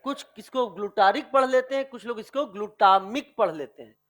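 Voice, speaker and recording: A man with a notably high voice teaches a chemistry class. He fires off repeated questions, waits for answers, and drags out the key terms. He calls his students dear children. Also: brisk, a bit bright. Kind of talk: classroom lecture with online students.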